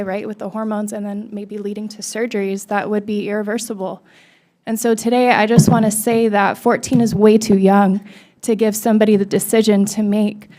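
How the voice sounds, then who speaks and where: A woman's voice: mid-range voice, a little mellow. Emotional young mother testifying. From Hawaii. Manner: emotional, conversational, with fillers like "you know". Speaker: testifier at a public hearing. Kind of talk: personal public testimony. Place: legislative hearing room. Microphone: podium microphone.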